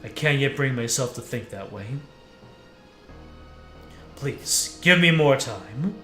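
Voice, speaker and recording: A man voicing a remorseful male soldier who speaks quietly and hesitantly, in a game playthrough. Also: medium pitch, animated, takes it slowly, pitched below the performer's own voice. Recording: echoey room, faint music.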